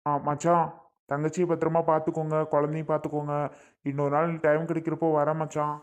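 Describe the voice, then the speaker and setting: A woman's voice: deep voice, level tone, quick pace, lightly acted. A woman voicing a doting elder brother. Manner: affectionate, coaxing baby talk. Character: caring adult man, a doting elder brother. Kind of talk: cartoon voice acting.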